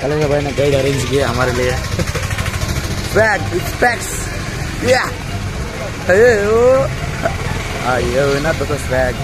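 In a rough recording, a young man with a mid-range voice walks and vlogs, chatting casually to viewers about his day and laughing often, treating them as friends. This travel vlogger films selfie-style on a phone at arm's length, outdoors on busy town streets and at a tourist site, with loud music over his voice.

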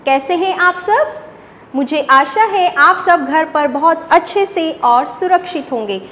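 A woman's voice: high voice, fairly bright tone, big-room sound, slight background noise. A woman teacher giving a children's language lesson, who repeats each point as a question and then answers it.

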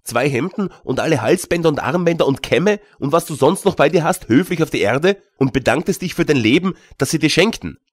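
A man's voice: fairly high pitch, lively intonation, brisk, few pauses, no echo, clean studio sound, voice pushed up. A man reading an audiobook, voicing a bold young journeyman who scoffs and lectures his nervous companion. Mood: scoffing.

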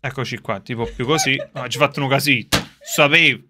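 A man chatting casually to his viewers on a livestream from a soundproofed underground gaming room, excitable and quick to laugh. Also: mid-range voice, background noise. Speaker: streamer reacting live to a game reveal. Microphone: streaming setup with facecam.

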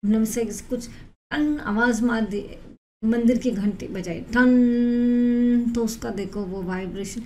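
Woman, teacher, mellow, high voice, reads lines slowly then explains. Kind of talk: explaining a textbook lesson.

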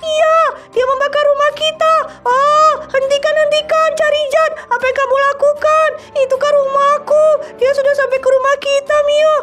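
A woman's voice: very high voice, soft background music. [name], a woman voicing a panicky older sibling. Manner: fast, excited exclamations and pleading. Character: panicky older sibling, protective of the family home. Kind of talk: game role-play drama voicing.

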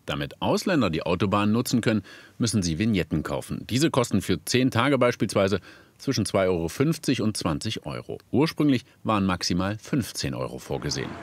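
A man reading a scripted news report as a voice-over, measured and clearly articulated. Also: fairly low pitch, slight background noise.

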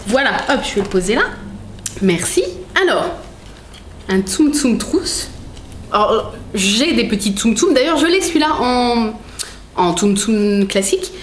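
In an animated, high-leaning voice, a woman vlogger takes her time chatting casually at home while she opens gifts. She rambles with many fillers and self-corrections, laughs often and teases playfully, with slight background noise and a roomy echo.

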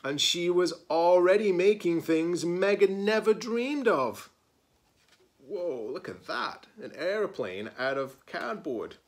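Taking it slowly, a man in his forties with a high, expressive voice reads a picture book for children. He's a teacher-librarian who punches key words and adds casual asides along the way.

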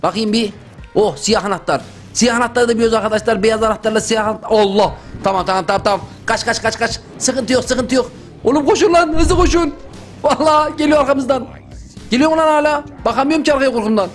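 A man giving excited Let's Play commentary, loud and teasing, dropping to whispers and then yelling. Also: very high voice, fast talker, faint music behind. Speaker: gaming YouTuber.

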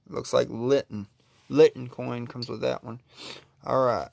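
Speaking slowly with a drawl, a man with a gravelly, creaky, medium-pitched voice does casual unboxing commentary. Easygoing and relaxed, he admires each card he pulls from the pack.

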